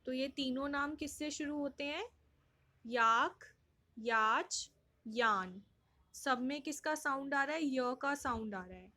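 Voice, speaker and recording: A woman teacher giving an online lesson to young children, slow and patient, repeating each question and answer, with an Indian English accent. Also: high voice, fairly bright tone.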